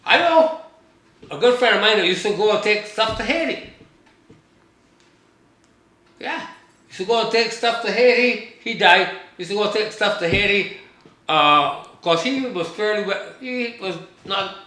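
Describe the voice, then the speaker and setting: An older man from Barbados, appearing as a guest author, speaks in a high, sharp voice with lively intonation, taking his time and pausing often. His storytelling is rambling and conversational, and he is emphatic, repeating points and trailing off mid-thought. The room he's recorded in is very echoey.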